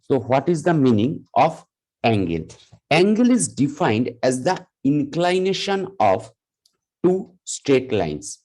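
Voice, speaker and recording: A man teaching a live class, explaining slowly and deliberately, often repeating himself. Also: medium pitch, sing-song, a little mellow, low-quality recording. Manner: slow, deliberate explaining with repetition. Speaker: lecturer.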